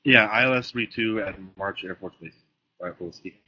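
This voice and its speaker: A man's voice: lowish voice, moderate pace, bright, forceful tone, slightly rough, dry recording. A pilot on air traffic radio, talking hesitantly with fillers, his transmission choppy and breaking up. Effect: choppy radio transmission that keeps breaking up. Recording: muffled radio channel with faint hiss.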